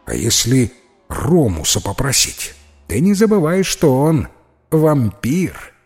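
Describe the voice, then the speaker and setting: A man's voice: mid-range voice, big pitch swings, slow pace, breathy edge, voice pushed up, heavily acted. A man voicing an ironic, philosophical ghost who talks in a mocking, lecturing way.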